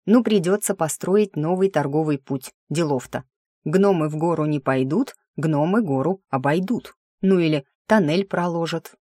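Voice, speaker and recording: A woman's voice: sits low, a little mellow, no room sound. A woman reading a first-person audiobook in a wry, sardonic inner-monologue manner, close to the mic. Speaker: audiobook narrator.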